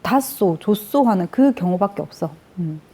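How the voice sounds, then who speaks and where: A woman's voice: medium pitch, expressive, moderate pace, dark tone, breathy edge. A woman teaching grammar in a step-by-step lecture, asking questions and answering them herself. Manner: explains step by step, asks and answers own questions.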